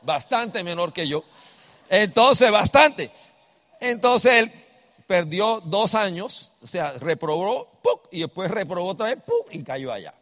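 Middle-aged guy, high voice, animated storytelling to an audience. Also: measured pace, in a large hall. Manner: animated, addresses the audience directly. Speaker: speaker at a live event.

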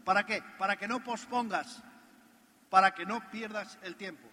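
A man's voice: high-pitched, moderate pace, bright, forceful tone, in a large hall. A man from gives an emphatic, storytelling motivational talk at a business convention, speaking straight to the listener. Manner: emphatic, addresses the listener directly. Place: large convention hall.

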